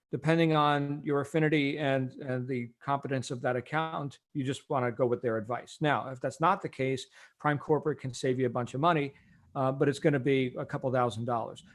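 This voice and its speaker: A man hosting a casual group coaching call. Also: mid-range voice.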